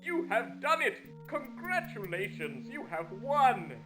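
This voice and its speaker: Courteous, earnest game opponent, formal and stilted, high voice, music behind. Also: male voice, sing-song, unhurried, exaggerated voice. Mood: courteous, delighted. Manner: stilted, formal, exclamatory delivery. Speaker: game character. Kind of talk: scripted video game voice acting. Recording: music under the voice.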